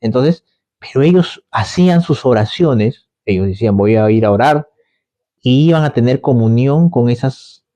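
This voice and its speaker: Mellow-voiced man preaching a sermon. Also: medium pitch, animated, normal speed, dull audio. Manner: conversational, repetitive phrasing with rhetorical questions.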